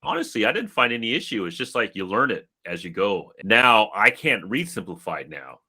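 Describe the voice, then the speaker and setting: A middle-aged man hosting a relaxed, casual interview, asking questions and laughing easily. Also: on the low side, normal speed, breathy edge. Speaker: interviewer, channel host.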